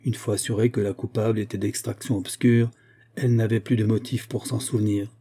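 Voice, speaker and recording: A man narrating an audiobook with a steady, measured reading. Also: lowish voice, breathy edge.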